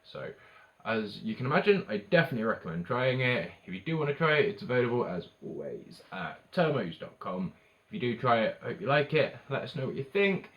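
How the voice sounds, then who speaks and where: A man's voice: medium pitch, very animated, brisk, muffled recording. A man presenting a casual product review, chatty, with emphatic stresses and offhand asides. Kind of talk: casual scripted-feeling product review to camera.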